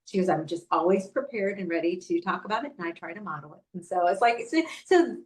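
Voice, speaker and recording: Middle-aged female interview guest, lowish pitch, earnest anecdotal style. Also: expressive, quick pace, far from the mic, low-quality recording. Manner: storytelling, earnest, many fillers. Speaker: guest, ministry leader. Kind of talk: conversational interview.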